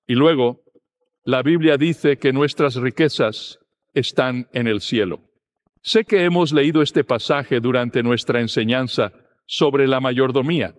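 A man preaching a sermon, speaking in a steady, earnest teaching manner. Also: on the high side.

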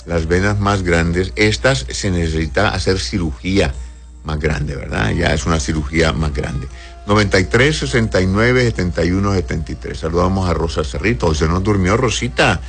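On a live health advice show, a low-voiced male doctor reads listeners' questions aloud and answers them tenderly at a moderate pace, with faint music behind him. He speaks affectionately to his callers, calling them "corazón."

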